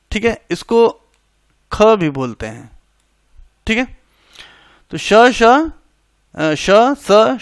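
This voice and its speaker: A man teaches a grammar lesson for exam preparation, explaining each rule step by step, repeating it, and checking that students follow. He speaks Hindi mixed with English words. His voice sits high and is fairly bright and smooth, recorded with clean studio sound and no echo.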